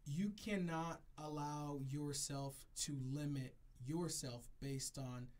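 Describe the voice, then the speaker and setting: In a reflective, casual interview, a Jamaican DJ who moved to America as a child talks as an adult guest, repeating himself to stress his points. His voice is fairly high-pitched and darkish, with a steady tone and slow delivery.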